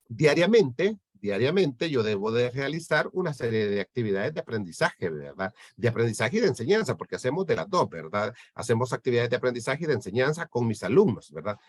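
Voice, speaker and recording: A man's voice: mid-range voice, no room sound. A man giving an explanatory lecture to teachers on lesson planning, often checking in with his listeners. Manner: explanatory, keeps asking "¿verdad?". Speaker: teacher trainer.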